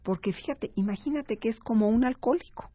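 A woman, a parenting expert speaking as a guest on a radio talk show, explaining calmly and acting out parents and children. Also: on the high side, fairly quick, no echo. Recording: slightly dull radio broadcast sound.

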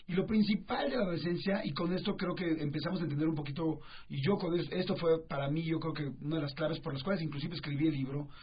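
A man's voice: a little high, fast talker, hardly any pauses, breathy edge. A man with a Mexican accent, an author guest on a radio talk show, explaining animatedly with rhetorical questions and acted-out quotes. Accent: Mexican Spanish. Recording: dull radio broadcast sound.

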